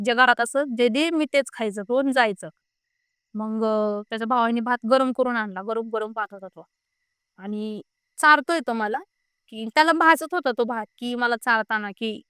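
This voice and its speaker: A young woman, a guest on the show, casually tells her own frightening ghost experience, animatedly retelling what everyone said through repeated quoted bits. Her voice is a little high and clean, captured in clean studio sound without echo.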